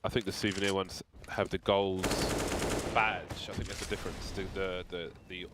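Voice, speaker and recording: A man's voice: deep voice, level tone, normal speed, very noisy. A man casting an esports match, moving between game commentary and casual chat. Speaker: esports caster. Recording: clear game gunfire and clicks behind. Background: video game gunfire.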